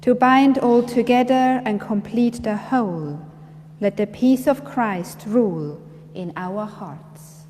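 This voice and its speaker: A woman's voice: on the high side, darkish tone. Woman priest with a cathedral echo. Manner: measured, formal intoning. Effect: cathedral echo, long church reverb. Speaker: priest leading the service. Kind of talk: liturgical presiding. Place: large church. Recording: church reverb with faint hum.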